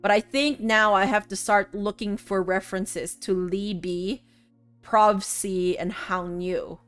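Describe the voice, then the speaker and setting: A woman's voice: mid-range voice, steady tone, slow pace, a bit bright, clear, resonant tone, faint music behind. Sleepy woman musing over a puzzle game. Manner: musing, chatty, addresses viewers as friends. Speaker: streamer. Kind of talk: casual gameplay commentary.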